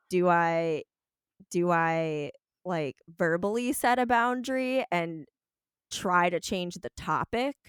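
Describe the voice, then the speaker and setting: Woman, podcast host, lowish pitch, smooth voice, reflective, dry close mic. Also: no room sound. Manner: reflective, thinks aloud with many "like"s. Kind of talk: casual podcast chat.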